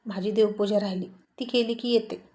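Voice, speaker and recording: A shy young village bride , voiced by a woman narrator, speaks bashfully and pleadingly in a mellow, warm voice. The reading of a spoken romance story stays close to the narrator's own tone. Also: medium pitch, fairly even intonation, brisk, natural voice. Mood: flustered.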